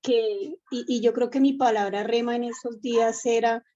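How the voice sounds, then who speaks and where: A woman's voice: a little high, steady tone, normal speed, warm tone, lo-fi sound. A woman from the congregation giving a casual testimony, chatty and laughing between thoughts. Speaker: congregation member. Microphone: online meeting.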